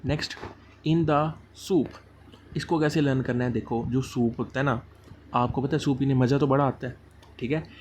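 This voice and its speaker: A man's voice: mid-range voice, steady tone, a little mellow, a little hiss or hum. Casual man teaching idioms in Hindi. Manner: explains idioms with homely examples, slow at English phrases. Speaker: exam prep teacher. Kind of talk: casual Hindi-English lecture.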